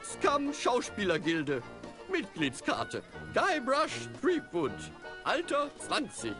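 An actor voicing a goofy, giggling, short-tempered carnival dog mascot in a cartoon adventure game. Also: male voice, extremely high pitch, wildly swooping pitch, slow pace, exaggerated voice. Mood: jolly, teasing. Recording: carnival game music behind.

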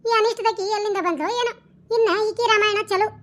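A woman's voice: very high-pitched, steady tone, quick pace, fairly bright tone. A woman voicing a spiteful, scheming middle-aged village mother in a cartoon, with a North Karnataka Kannada accent and a sneering, scolding manner. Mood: scornful. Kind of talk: cartoon voice acting.

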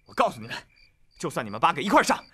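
An actor playing a hot-headed young country lad, stubborn and proud, who shouts his defiance in a dubbed martial-arts film. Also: a little high, sing-song, very fast, husky, full character voice. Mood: defiant, furious. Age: young adult. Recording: film audio with loud score behind.

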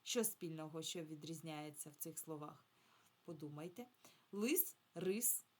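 A woman's voice: low-pitched, moderate pace. A woman teaching a remote reading lesson to young children, patiently stretching out sounds and syllables. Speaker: primary school teacher.

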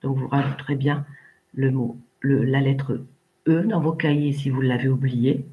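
A woman's voice: a bass voice, steady tone, normal speed, highs cut off. A woman teaching English pronunciation in an online class, patiently correcting pupils one by one by name.

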